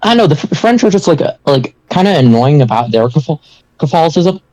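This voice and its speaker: A man co-hosting a casual podcast, halting and full of fillers, with frequent swearing. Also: fairly high pitch, very animated, dark tone, dry recording, poor audio. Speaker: podcast co-host. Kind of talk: casual chat.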